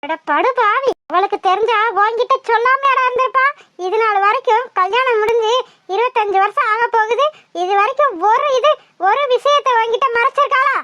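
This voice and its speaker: Cartoon: very high, bright, shrill Thoothukudi village mom, dry take. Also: female voice, brisk, no echo. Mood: indignant. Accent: Thoothukudi Tamil. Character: worried village mother, middle-aged woman, sharp-tongued. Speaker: voice actor in a cartoon. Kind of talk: cartoon voice acting.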